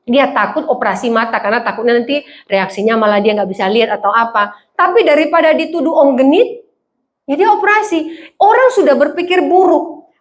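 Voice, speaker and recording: A woman pastor with a high voice preaches a sermon in a church. She tells funny stories and acts out the voices of the people she quotes.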